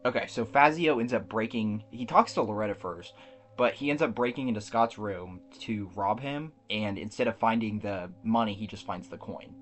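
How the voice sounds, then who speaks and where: A man's voice: on the low side, normal speed, faint music behind. A man co-hosting a podcast, casually recapping a movie plot with lots of fillers and restarts. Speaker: podcast co-host.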